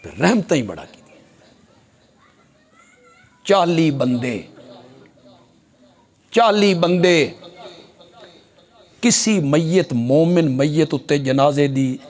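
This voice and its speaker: A man preaching a sermon at a religious gathering, swinging between hushed asides and loud rising exhortation, full of rhetorical questions. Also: mid-range voice, expressive, slow pace, pauses often. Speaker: Islamic scholar preaching. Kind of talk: fiery Punjabi sermon. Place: conference gathering.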